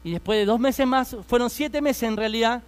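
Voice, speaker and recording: A man's voice: very high voice, moderate pace, smooth. A man in his thirties with an Argentine accent, telling his life story as a fervent preaching testimony and speaking straight to his listeners. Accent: Argentine Spanish.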